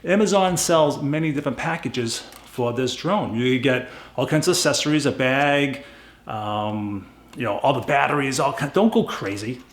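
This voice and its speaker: A man with a Boston accent talks through a casual, unscripted review in a medium-pitched voice. He is plainspoken and emphatic, often repeating a phrase to drive it home. The sound is noticeably roomy and echoey. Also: animated, normal speed. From New England, USA. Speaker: YouTube gadget reviewer.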